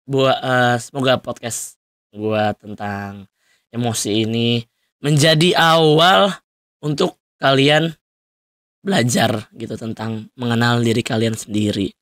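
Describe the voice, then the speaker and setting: A man's voice: mid-range voice, slow, a bit bright, no room sound, clean studio sound. A young man hosting a solo podcast, talking loosely and rambling with frequent fillers and laughs. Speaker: podcast host. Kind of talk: solo casual podcast monologue.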